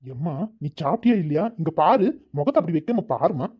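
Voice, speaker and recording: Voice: medium pitch, lively intonation, fairly quick, breathy edge. A voice actor playing a protective, caring elder brother in a cartoon, coaxing and soothing. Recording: dull lo-fi recording.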